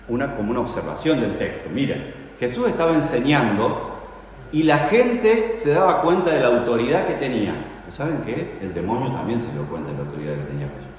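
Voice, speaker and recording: A man's voice: mid-range voice, slight background noise. A man preaching a sermon, telling the story dramatically and putting rhetorical questions to his congregation. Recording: echoey hall, voice from far off.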